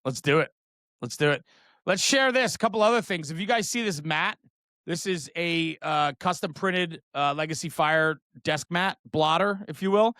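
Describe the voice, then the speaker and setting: The trading card brand founder, a middle-aged guest, sounds high, bright and forceful at a moderate pace. He keeps the show-and-tell conversation casual and enthusiastic, leaning on slang and frequently checking that others agree. The sound is dry and clean, like a studio.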